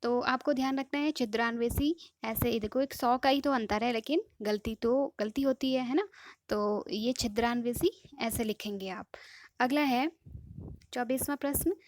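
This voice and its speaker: A woman teaching an exam-prep lesson in a patient way, often pausing to check that students follow. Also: high-pitched, no echo, studio quality. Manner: patient, repeats "ठीक है" to check understanding. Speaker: Hindi teacher.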